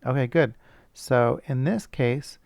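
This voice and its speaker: Gravelly man talking through code. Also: medium pitch, takes it slowly, darkish tone, dry recording, clean studio sound. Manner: thinking aloud, self-correcting, casual. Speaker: teacher. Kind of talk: screencast coding lesson.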